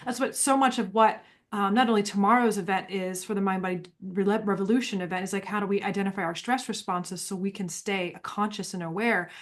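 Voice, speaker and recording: A woman hosts an online community forum in a mid-pitched voice. She speaks earnestly and at length, circling back with fillers. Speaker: host.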